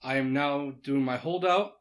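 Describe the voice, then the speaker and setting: A man co-hosting a casual sports podcast, joking and talking in quick bursts. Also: medium pitch. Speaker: co-host.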